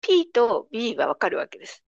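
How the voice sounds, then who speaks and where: A middle-aged woman patiently explains pronunciation in a casual conversation, her pitch bouncing up and down with lively intonation. Her voice sits a little high for a woman. The recording is dry and somewhat dull, with a lo-fi quality. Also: normal speed, gravelly, dry recording. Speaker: language teacher.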